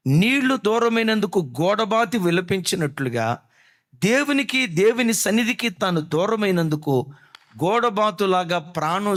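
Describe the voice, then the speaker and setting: A man preaching a sermon as pastor, dramatic in delivery, asking the congregation rhetorical questions and acting out prayers. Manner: dramatic preaching, voicing prayers with sudden drops and rises in pitch.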